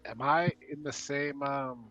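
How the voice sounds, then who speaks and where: A man playing a tabletop game, asking slow, dry questions. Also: mid-range voice, steady tone, sharp tone, no echo, faint music behind. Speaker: player. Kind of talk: casual tabletop play.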